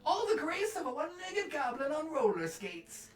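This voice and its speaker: A sassy gingerbread auntie, put on by a man in a squeaky, swooping falsetto that jeers in a singsong. She sounds a little way off in an echoey room. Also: sing-song, moderate pace, recorded from a distance. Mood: mocking. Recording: roomy, off-mic.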